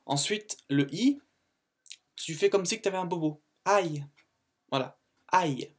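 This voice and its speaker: A man with a fairly high voice talks slowly and casually as he hosts his own tutorial video. He hesitates a lot and restarts his sentences as he explains things. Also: lively intonation. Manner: chatty and hesitant, with frequent "euh" and restarts. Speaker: YouTube host teaching the English alphabet.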